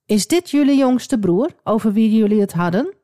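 A powerful ruler from a children's Bible story, read aloud by a woman. He speaks in a measured, commanding way. The voice is mellow and lively, and the recording is dry and close. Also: fairly high pitch, dry recording, natural voice. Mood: kind. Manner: stern, then gentle. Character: Joseph, stern powerful ruler of Egypt.

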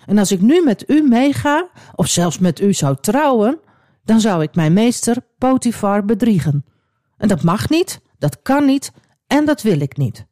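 A woman's voice: mid-range voice, very animated, a little slow, mellow, no room sound, clean studio sound. A woman voicing an honest young man in a children's storybook, firm and earnest.

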